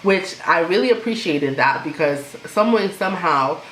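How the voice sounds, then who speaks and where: Young woman chatting to camera about her story, kinda low voice, echoey room w/ a little hiss. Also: moderate pace. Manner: animated, laughs while telling, imitates others. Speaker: vlogger telling her pregnancy story. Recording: echoey room with faint noise.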